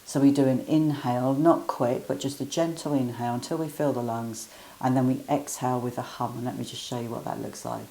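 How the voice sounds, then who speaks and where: A woman teaching guided breathing exercises in a gentle, encouraging, step-by-step way. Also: extremely low pitch, fairly even intonation, a little fast, rough recording.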